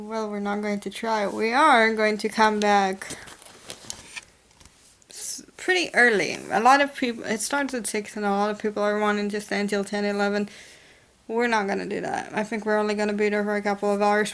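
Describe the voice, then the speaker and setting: A woman's voice: medium pitch, vocal fry, fairly bright tone, a little hiss or hum. A young woman vlogging casually at home, chatty and rambling, often correcting herself. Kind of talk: casual home vlog chat.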